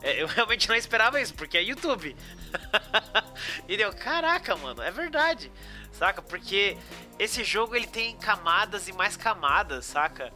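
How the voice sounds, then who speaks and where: A man's voice: sits high, bright, forceful tone. A Brazilian man hosting a podcast in an informal, enthusiastic, slangy chat style. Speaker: podcast host. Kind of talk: casual chat, animated podcast introduction and discussion.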